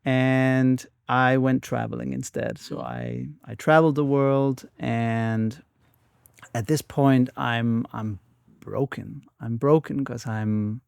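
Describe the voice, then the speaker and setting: A man in his forties with a Danish accent, telling his life story as a guest in a halting, repeating way. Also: medium pitch, creaky, a little mellow, clean tone, no room sound, clean studio sound. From Denmark. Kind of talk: casual interview storytelling. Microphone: studio microphone.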